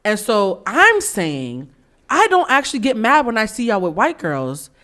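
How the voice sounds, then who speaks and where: A woman in her thirties from the US East Coast, hosting a candid podcast conversation, blunt and animated, acting out quotes. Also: a little high, measured pace. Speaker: podcast host.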